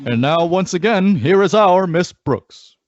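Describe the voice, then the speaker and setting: A man's voice: high voice, expressive, a little slow, music in the background. A man reading an old-time radio advertisement as an announcer, with an emphatic sales delivery. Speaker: commercial announcer. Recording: dull, lo-fi audio.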